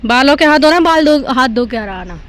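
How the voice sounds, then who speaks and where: A middle-aged vlogger films her family day on a handheld phone, chatting casually to viewers in her home garden and later a park, talking straight to them and laughing loudly. Her voice is high, expressive and fast.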